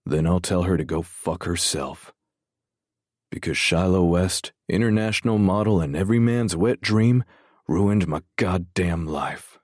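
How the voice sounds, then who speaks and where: A man narrating a first-person romance audiobook in a measured, brooding way, swearing freely. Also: deep voice, a little mellow, no room sound, studio quality.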